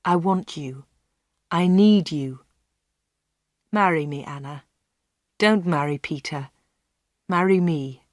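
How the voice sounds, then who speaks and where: A menacing man with strange powers, as a woman reader puts him on, speaking low, quiet and insistent. The voice sits a little lower and softer than her own, in a dry, close recording. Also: takes it slowly, pauses often, dry recording. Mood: quietly menacing.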